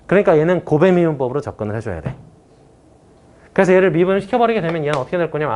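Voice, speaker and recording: Young woman math teacher, casual lecture, animated pitch, keeps checking in with students. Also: slight background noise. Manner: casual, talks to students directly, checks understanding often; mock-exasperated outbursts.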